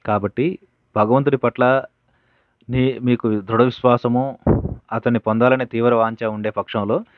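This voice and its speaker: Guy reading spiritual stories out loud, steady, fixes words now and then, thin phone-ish sound, dry. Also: mid-range voice, moderate pace, no room sound. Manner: steady reading with occasional self-corrections. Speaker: reader of spiritual teachings. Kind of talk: reading a devotional book aloud. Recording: narrow phone-like dry audio.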